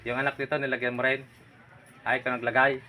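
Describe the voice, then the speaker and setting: A man acting as a folk healer questions a spirit during a ritual, his voice at an everyday middle pitch. He is commanding and keeps pressing with short demands. The recording is noisy, with roosters crowing behind him. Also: little pitch movement, quick pace, sharp tone. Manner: commanding, insistent, repeatedly prodding with "ha?".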